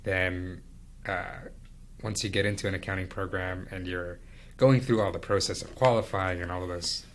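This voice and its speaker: As a podcast guest, a male business executive looks back on growing up in India and Venezuela and then Canada from age thirteen, explaining in a measured, reflective, conversational way. He has a deep voice with fairly even intonation.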